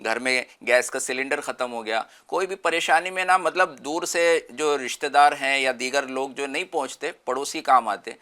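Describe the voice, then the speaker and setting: Bright-voiced man explaining earnestly. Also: medium pitch, hardly any pauses. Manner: earnest, explanatory, lists everyday examples. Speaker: guest speaker. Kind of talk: religious talk show discussion.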